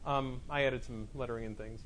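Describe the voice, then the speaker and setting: Speaking to students in a classroom, a male college instructor explains things loosely, circling back and restarting many times. His mid-range voice is steady and a bit bright, moving fairly quickly. There's slight background noise, and his clip-on mic keeps dropping off.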